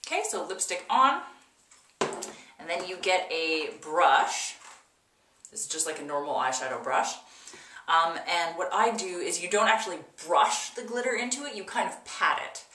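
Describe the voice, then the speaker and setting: With music playing behind her, a thirty-something makeup tutorial host talks to camera at a moderate pace, her voice fairly low and expressive. She's casual and emphatic, doubling up words for emphasis, and the small bathroom echoes around a camera mic placed at some distance.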